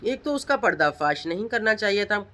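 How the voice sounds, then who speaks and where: Emphatic woman vlogger, bright voice. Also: medium pitch, expressive, normal speed. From Pakistan. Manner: emphatic, accusing, rhetorical questions. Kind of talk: reaction vlog commentary.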